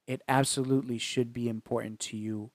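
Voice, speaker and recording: A man co-hosting a casual faith podcast, talking earnestly in halting phrases with frequent restarts. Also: medium pitch, little pitch movement, no room sound, studio quality. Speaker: podcast co-host.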